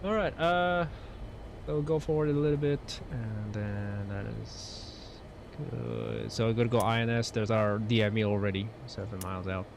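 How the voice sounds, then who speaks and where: Male flight-sim streamer: low, casual step-by-step pilot commentary with noticeable cockpit noise. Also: fairly even intonation, normal speed. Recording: loud vehicle-like engine noise.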